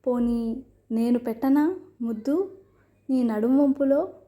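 A woman's voice: a little high, slow, dull audio. A woman voicing an impatient, sarcastic young husband in a storybook reading, stern and mocking. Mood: teasing.

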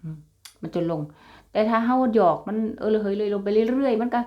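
A woman's voice: mid-range voice, fairly quick, muffled recording. This is a young woman with a Northeastern Thai Isan accent, chatting in a casual vlog. She talks freely and familiarly, calls her viewers brothers and sisters, and laughs often. Her voice sits in a middle register for a woman. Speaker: vlogger.

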